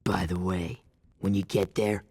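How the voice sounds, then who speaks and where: Game casting: curt, authoritative resistance boss, low gravelly voice, gives orders gruffly. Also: male voice, little pitch movement, unhurried, a little mellow, heavily acted. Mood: curt, brisk. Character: gruff, commanding male underground resistance boss. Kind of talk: video game voice acting.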